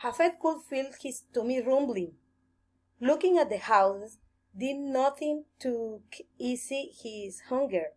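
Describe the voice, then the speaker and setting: A woman reading a fairy tale aloud for children, slow, gentle and expressive. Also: high voice. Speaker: storyteller.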